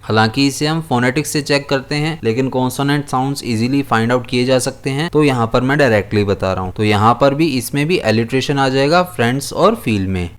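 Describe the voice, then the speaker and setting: A man's voice: medium pitch, a little fast, few pauses. Man teaching a school poem. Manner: explains step by step, asking and answering his own questions. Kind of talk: explaining a poem to school students.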